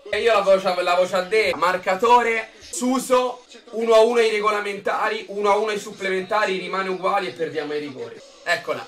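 A young man reacting live to a football match as a fan streamer, shouting and joking. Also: high-pitched, fairly even intonation, fairly quick, faint music behind. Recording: echoey room, far from mic. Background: televised match crowd noise.

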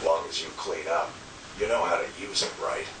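An actor playing a gruff, dry, plain-spoken tavern keeper in a fantasy video game. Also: male voice, low-pitched, fairly quick, far from the mic, noisy background, natural voice. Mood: dry, blunt. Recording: echoey game audio from TV speakers.

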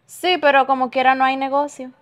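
Woman acting as a worried wife, pleading, trying to calm him down, bit high voice. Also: fairly quick, natural voice. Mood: explaining. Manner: pleading, calming. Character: worried wife, house owner. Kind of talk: amateur drama acting.

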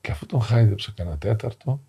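A middle-aged man, an Orthodox priest, telling a moving story as a guest on a podcast, acting out the dialogue and sinking to hushed tones. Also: lowish voice, lively intonation, vocal fry, breathy edge. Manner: acts out dialogue in shifting voices, drops to hushed tones. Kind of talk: emotional storytelling in a podcast interview. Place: podcast studio, seated on a sofa.

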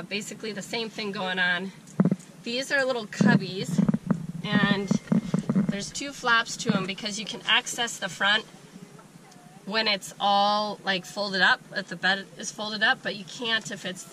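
Inside a small camper van with the doors open, a woman in her thirties walks viewers through the space in a chatty, informal vlog, often joking at her own expense. A cold has left her congested, with a raspy, smoker-like voice that is mid-range and sharp in tone. An action-camera mic held within a few feet picks up noisy audio.

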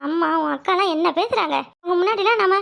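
A woman's voice: extremely high pitch, fast talker, vocal fry, fairly bright tone, heavily acted. A woman voicing a young pregnant wife in a cartoon, earnest and hopeful about their future. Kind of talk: cartoon voice acting.

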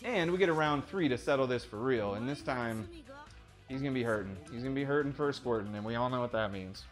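A man commentating live over his own ranked fighting game matches, excitable and profane, dropping to mutters and then yelping at big moments. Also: medium pitch, quick pace. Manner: excitable, swings between mutters and sudden yelps; profane trash talk at his opponent. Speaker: gaming streamer. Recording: game music loud behind voice.

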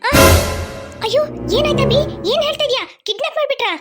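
A caring cartoon schoolteacher, fussing over her pupils with anxious exclamations. Her voice is very high and quick, with music underneath. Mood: worried. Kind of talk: cartoon voice acting.

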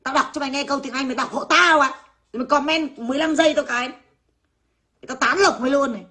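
A brash woman, delivering a blunt, foul-mouthed rant straight to her viewers. Her voice sits a little higher than most women's, and her talk is rough and unfiltered. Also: fast, bright, forceful tone. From Vietnam. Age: 30s. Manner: blunt, brash, swears freely. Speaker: vlogger. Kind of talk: ranting monologue to viewers.

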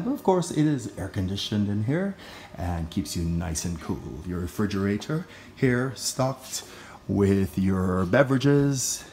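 A man's voice: sits low, a little mellow, a little hiss or hum. A man giving a walkthrough tour of a resort villa, chatting in a sales-patter style with playful jokes on the side. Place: walking through a resort villa, indoors and out.

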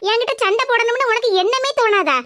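A woman's voice: very high-pitched, fast, bright, forceful tone, slight background noise. A woman voicing a doting, sentimental mother-in-law in a cartoon, with a Kanyakumari Tamil accent and an affectionate manner. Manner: affectionate, emotional, often laughing.

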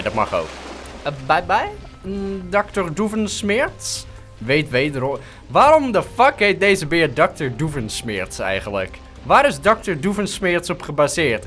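Lively Dutch man gaming. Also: medium pitch. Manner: jokey, swears a lot, switches into English and mock German. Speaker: gaming streamer. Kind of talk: casual gameplay commentary.

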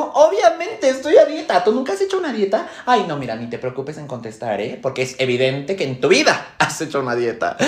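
Comedy sketch: man playing a spoiled Mexican schoolgirl, drawly and theatrical, lively swooping pitch, echoey room. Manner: drawling, exaggerated valley-girl fillers and sighs. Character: stuck-up posh teenage schoolgirl, bossy and vain. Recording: roomy echo.

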